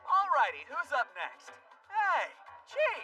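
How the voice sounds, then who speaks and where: A man playing an earnest, energetic young fast-food worker in an English anime dub. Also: very high-pitched, distant mic, faint music behind, exaggerated voice. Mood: eager. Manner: energetic, customer-service pep.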